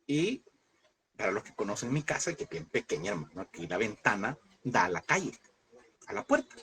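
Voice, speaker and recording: A man's voice: on the low side, very animated, brisk, a bit bright. A man, a pastor preaching a lesson, telling a personal story and fervently calling his listeners brother.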